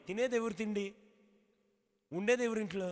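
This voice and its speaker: A man's voice: normal speed, a little mellow, in a large hall, lightly acted. A man preaching voices a nagging mother who scolds her son about his phone. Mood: scolding. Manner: scolding, high-pitched.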